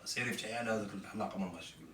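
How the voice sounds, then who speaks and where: A man's voice: fairly low pitch, racing, fairly bright tone. A man with a Moroccan accent in heated informal live chat, talking in an emphatic, exhorting way. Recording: echoey, distant, noisy sound.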